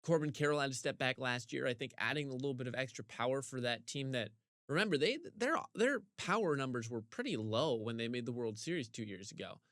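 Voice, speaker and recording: A man co-hosting a casual sports podcast, ranting animatedly with big jumps in pitch, his voice getting a little hoarse. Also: animated, fairly quick, a bit bright, no echo, studio quality. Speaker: podcast co-host.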